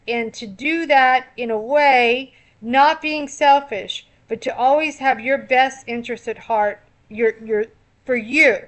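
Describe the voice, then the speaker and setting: A woman with a high voice speaks slowly as an esoteric astrology commentator in a rambling spiritual monologue. Her talk is full of wordplay, she repeats and restarts her words, and she laughs at her own puns.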